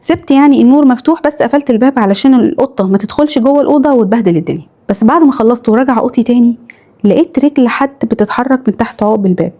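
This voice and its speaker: A woman with an Egyptian accent narrating horror stories in a quick first-person retelling. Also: fairly high pitch, lively intonation, mellow. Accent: Egyptian Arabic. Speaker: storyteller reading followers' horror stories.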